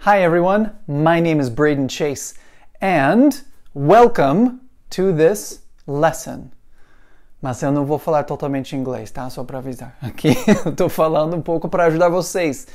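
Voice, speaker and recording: A man's voice: fairly high pitch, expressive, measured pace, a little mellow. A man whose first language is English, teaching pronunciation in a patient, repetitive lesson. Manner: patient, repeats words for drilling.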